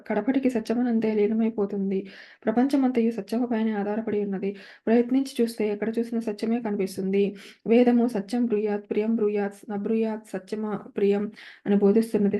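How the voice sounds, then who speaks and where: A woman's voice: medium pitch, mellow. Woman reading devotional teachings, muffled recording. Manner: slow measured English, chants verses. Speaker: reader of spiritual discourses.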